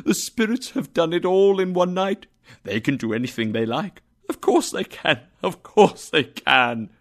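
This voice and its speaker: A man voicing an old male miser who cries out in an excitable, exclamatory way. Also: a little high, a little slow, voice pushed up. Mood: giddy.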